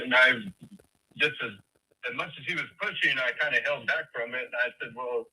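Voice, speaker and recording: Husky man on a distant speakerphone. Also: medium pitch, bright, forceful tone. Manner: rambling, hesitant retelling with restarts. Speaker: caller. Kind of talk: phone-in storytelling. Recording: distant tinny speakerphone line.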